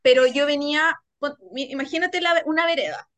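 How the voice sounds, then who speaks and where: A Chilean woman telling a story on a casual podcast chat, animated and slangy, laughing often. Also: sits high, brisk, no room sound. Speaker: podcast co-host.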